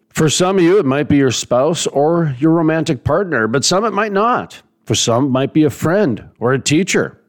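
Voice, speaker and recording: A man hosting a morning radio show, announcing like a showy ringmaster and delivering a motivational opening monologue. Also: on the high side.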